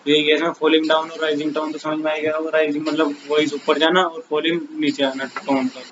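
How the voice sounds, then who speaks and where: A man teaching an exam-prep lesson in casual Hindi mixed with English, reading English definitions slowly and calling viewers bhai and guys. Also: fairly high pitch, flat delivery, muffled recording, noisy background.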